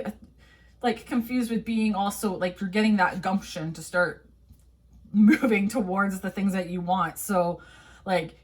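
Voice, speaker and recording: A woman's voice: mid-range voice, breathy edge. A young woman giving a casual tarot reading, rambling with many fillers, laughing often and swearing now and then. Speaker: tarot reader.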